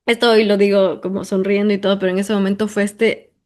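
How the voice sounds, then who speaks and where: A woman's voice: mid-range voice, little pitch movement, fast talker, a little mellow. Lady talking through her own story, emphatic, lots of o sea fillers. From Ecuador. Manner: emphatic, talkative, piles up intensifiers and "o sea" fillers. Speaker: podcast host. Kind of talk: personal monologue.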